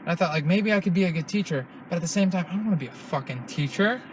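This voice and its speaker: A man's voice: sits high, lively intonation, very fast, slight background noise, rough recording. A young man hosting a podcast in casual chat, rambling and cursing with many restarts. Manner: rambling, profane, restarts often. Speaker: podcast host.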